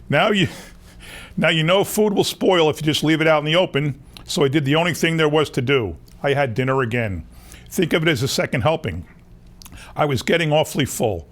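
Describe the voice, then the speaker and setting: A man's voice: a little high, a bit bright. A man reading aloud as a folksy storybook wolf. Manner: reading a picture book aloud to young children. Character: wronged, self-excusing male wolf telling his story. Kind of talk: children's storybook narration.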